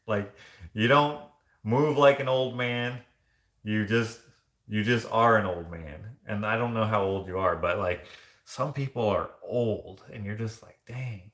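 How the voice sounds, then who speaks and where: A man's voice: fairly low pitch, measured pace, a bit bright, roomy sound. A man hosting a casual live vlog, chatting loosely and rambling with many fillers and restarts as he reads viewer comments. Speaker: vlogger.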